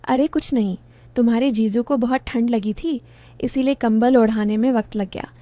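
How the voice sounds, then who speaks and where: A woman voicing a teasing, playful young wife with a brisk way of speaking, in a read-aloud story. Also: fairly high pitch, steady tone, mellow, dry recording, natural voice.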